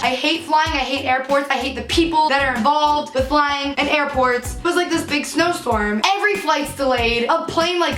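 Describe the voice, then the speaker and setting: Young woman vlogging in an echoey room. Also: fairly high pitch. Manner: animated, profane, exasperated storytelling. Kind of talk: casual vlog storytelling. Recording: echoey room, faint music behind.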